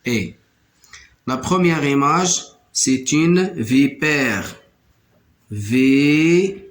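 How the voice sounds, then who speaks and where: Slow, repetitive male teacher. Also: mid-range voice. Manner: slow, syllable-by-syllable dictation, repeating each word. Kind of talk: primary school French lesson.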